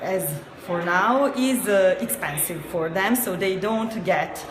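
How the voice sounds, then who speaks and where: A slow-talking woman with a Serbian accent, pausing often on fillers as she explains her work. Her voice rings in an echoey room with a crowd chattering behind her. The pitch sits in an ordinary middle range. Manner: hesitant, many fillers, light laughs. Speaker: guest, company co-founder. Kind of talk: interview answers. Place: noisy event venue. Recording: echoey busy venue with crowd.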